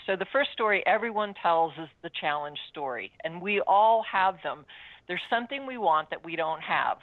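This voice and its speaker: A woman's voice: sits low, a bit bright, no echo. A mature woman speaking as a coach being interviewed, telling personal stories in an earnest, explanatory, conversational way. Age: 50s or older. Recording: dry, phone-like narrow-band sound.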